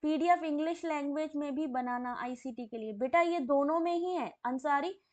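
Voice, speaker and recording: She has a high, slightly mellow voice that is hoarse from a sore throat, and she speaks at normal speed. In her live online exam class she goes through quiz questions and answers, then responds to chat messages in a chatty, friendly way, using viewers' names.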